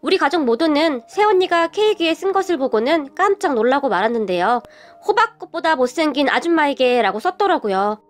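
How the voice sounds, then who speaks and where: High, lively woman narrating a story. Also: fairly quick, hardly any pauses. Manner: first-person storytelling. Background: soft background music.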